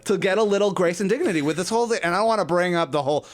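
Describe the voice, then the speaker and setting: A man's voice: sits high, rapid-fire. A man hosting a podcast in casual chat, blunt and teasing, who swears freely. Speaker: podcast host.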